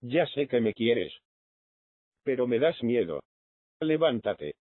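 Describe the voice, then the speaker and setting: Brief: male reader doing a gentle, caring young lady for an audiobook, lo-fi thin sound. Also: mid-range voice, very animated, slow, no room sound. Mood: confused. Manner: tender, eager, caring. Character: kind, gentle young lady of wealth, woman. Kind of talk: audiobook reading.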